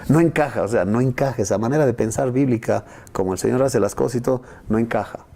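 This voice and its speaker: A man preaching a discipleship lesson as a pastor, animated and jumping into high voices to act out the people he quotes. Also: fast, gravelly, slight background noise.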